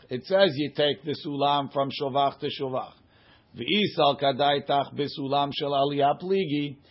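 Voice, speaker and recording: A man teaching an informal Talmud class, reading and explaining the text emphatically in question-and-answer phrasing. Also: a little high. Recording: muffled lo-fi recording.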